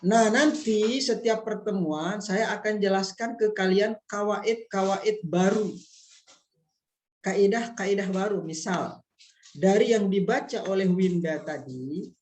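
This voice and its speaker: A man teaching a class in a relaxed, reassuring way, working through examples with rhetorical questions. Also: high-pitched, slight background noise. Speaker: lecturer. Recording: echoey room.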